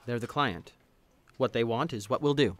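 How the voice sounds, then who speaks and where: A man's voice: mid-range voice, moderate pace, natural voice. A man voicing a skeptical, pragmatic 1960s ad executive puppet with a dry, dismissive manner. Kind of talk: comedic puppet parody dialogue.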